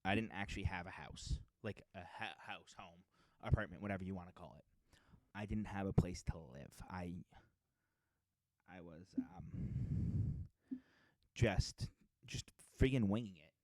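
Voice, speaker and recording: A man's voice: low voice, a little slow, pauses often, darkish tone, no room sound. A young man from the Boston area with a Boston accent, co-hosting a podcast in a rambling, casual way full of fillers and restarts. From Metro West Boston area. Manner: rambling, laid-back, with many fillers and restarts. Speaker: podcast co-host. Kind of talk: casual chat. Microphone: podcast mic.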